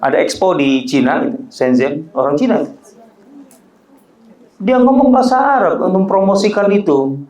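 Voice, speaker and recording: Male preacher, a bit high-pitched; casual and joking with emphatic rises; reverberant room. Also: big pitch swings, moderate pace, long pauses, a little mellow. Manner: joking, conversational, rising emphatic peaks. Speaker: Islamic preacher. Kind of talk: religious study talk. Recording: roomy echo.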